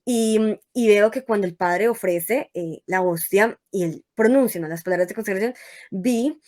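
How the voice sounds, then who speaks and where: Young woman telling a lively faith testimony. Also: mid-range voice, moderate pace. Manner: lively storytelling that acts out her own past words. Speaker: guest giving a faith testimony. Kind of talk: casual testimony in an interview.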